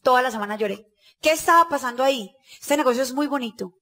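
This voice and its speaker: A woman's voice: high voice, quick pace. A woman giving a motivational talk to an audience at a business conference, telling stories and acting out the dialogue. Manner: lively storytelling, acting out dialogue.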